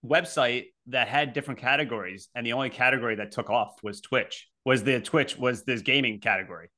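Bright-voiced young man, casual and sweary. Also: mid-range voice, a little fast. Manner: swears freely, laughs often, self-deprecating. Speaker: podcast host. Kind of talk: casual chat.

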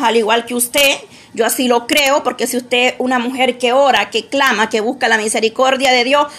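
Woman preacher, high bright voice, earnest, sprinkles amens. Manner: earnest, repeats "amén" often. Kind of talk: sermon.

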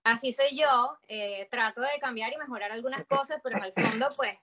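A young adult woman from Venezuela with a Venezuelan accent, chatting casually as a podcast guest, lively, laughing often and swearing offhandedly. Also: fairly high pitch, a little fast, dull audio.

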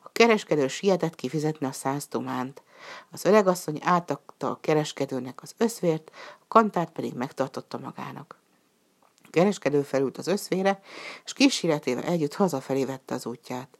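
A woman narrating a folk tale in a calm storybook reading manner, lifting her voice for the characters' lines. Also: low voice.

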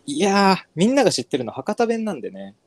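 Podcast co-host, man from northern Kyushu, easygoing chatter, lively up-and-down voice, dry close sound. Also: sits high, quick pace, dry recording. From northern Kyushu, Japan. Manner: relaxed, chatty, often trails off and restarts. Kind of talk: casual chat.

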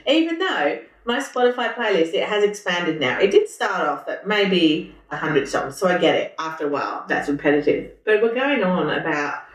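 Woman podcast host, chatty and laughing, lowish voice, set back from the mic in a roomy space. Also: very animated, moderate pace, few pauses, recorded from a distance. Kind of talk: casual chat.

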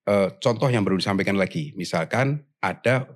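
Measured man explaining in a low voice. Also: expressive. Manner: measured, explanatory, with hesitant restarts. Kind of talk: casual panel discussion.

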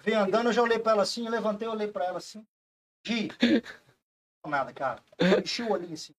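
A man on a podcast as the guest, telling funny stories in a casual, animated way and acting out the voices of the people in them. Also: high voice, fast talker. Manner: animated, acts out voices in anecdotes, says "cara" often. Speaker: podcast guest, store owner. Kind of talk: casual storytelling chat.

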